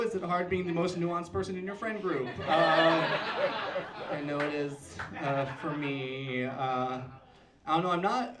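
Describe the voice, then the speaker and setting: A man's voice: high voice, very noisy. A young man doing a campy, self-mocking stand-up set, with a punchy delivery and audience laughter behind him. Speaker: stand-up comedian. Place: comedy club. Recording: roomy club sound from far off.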